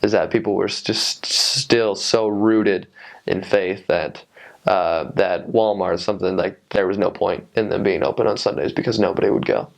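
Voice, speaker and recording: A man in his twenties with a fairly low voice and plenty of vocal fry shares personal memories in a casual way. His delivery is halting and reflective, with thoughts that often trail off before he picks them up again. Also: fairly even intonation. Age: 20s. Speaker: returned missionary recalling his service.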